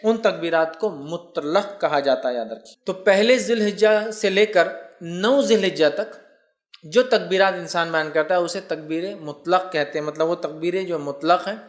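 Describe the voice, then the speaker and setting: An Islamic preacher with a high voice gives a religious lecture, slowly explaining his points, reciting Arabic phrases, and pressing listeners with repeated reminders.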